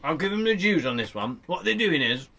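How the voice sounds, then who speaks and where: A man's voice: on the high side, very animated, a little fast, vocal fry, sharp tone. A man co-hosting a casual car news chat in a shed, joking and reading a press release aloud. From United Kingdom. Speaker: podcast co-host.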